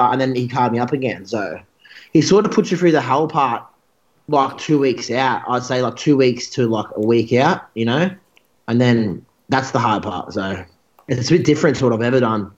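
A man's voice: medium pitch, moderate pace, lo-fi sound. A young man telling a long story as a guest in a casual interview, rambling and restarting his sentences. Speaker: guest bodybuilder.

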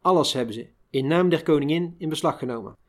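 A woman's voice: low-pitched, quick pace. A man reading the lines of a worried older mother whose son is held prisoner, in his own reading voice.

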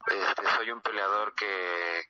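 A man's voice: on the low side, fairly even intonation, slow, pushed and bright. A man from Mexico with a Mexico City Spanish accent, answering interview questions as a martial arts fighter, hesitant and full of fillers and repeated words. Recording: muffled lo-fi line with clear noise.

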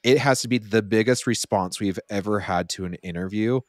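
A man hosting a podcast, telling a story in an animated way. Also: lowish voice, a little fast, no echo, studio quality. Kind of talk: casual podcast chat.

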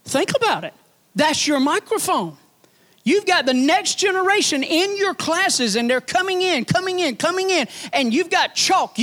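A man preaching a sermon as pastor, folksy and animated, building emphasis through repetition. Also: very high voice.

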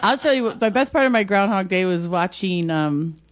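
A woman's voice: medium pitch, lively intonation, fairly quick, a crowd in the background. A woman co-hosting a morning radio show, joking and laughing often. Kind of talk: casual comedic radio banter.

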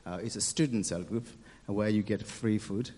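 A young man from Nepal, telling his story in a church interview, hesitant with many pauses and easy laughs. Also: fairly low pitch, mellow. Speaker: interview guest. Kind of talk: casual testimony in church. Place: church hall. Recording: reverberant church hall.

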